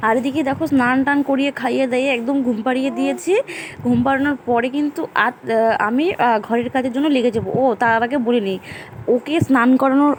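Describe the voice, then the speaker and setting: A woman's voice: high voice, steady tone, fast talker, a little hiss or hum. A young woman, a mother chatting casually to her viewers in a home vlog. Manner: chatty, talks straight to viewers. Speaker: vlogger mother.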